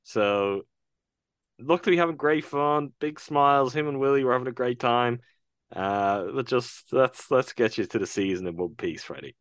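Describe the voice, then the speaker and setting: A man co-hosting a sports podcast, talking in a relaxed, wry way. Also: medium pitch, moderate pace, smooth, no echo. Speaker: podcast co-host. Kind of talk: casual sports podcast chat.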